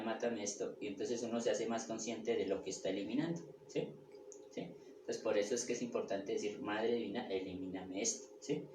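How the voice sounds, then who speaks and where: A man giving a spiritual lecture, often checking in with the listeners and repeating his phrases. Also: medium pitch. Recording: echoey room with background noise.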